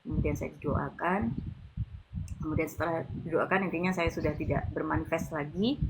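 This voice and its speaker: A woman's voice: low voice, fairly even intonation, normal speed, heavy background noise. A woman casually telling her testimony in a chatty way, full of fillers, recorded on a handheld phone. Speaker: convert giving testimony. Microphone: handheld phone, no tripod.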